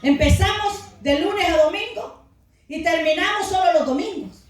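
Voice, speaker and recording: A woman preaching a fervent Pentecostal sermon, calling out to the brethren and rising to shouts. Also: very high-pitched, normal speed. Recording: very echoey hall, voice from far off.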